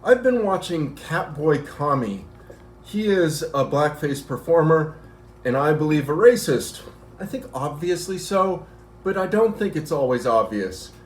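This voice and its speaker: A man in an argumentative rant to camera, out of breath from working out as he talks. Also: a little high. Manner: animated, argumentative, working out while talking. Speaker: vlogger. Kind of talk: ranting commentary to camera. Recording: echoey room.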